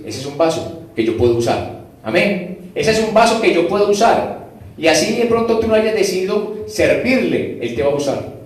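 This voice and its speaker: A man's voice: high-pitched, far from the mic. A man preaching a sermon as pastor, often asking the congregation questions and answering them himself. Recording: echoey room, voice from off the mic.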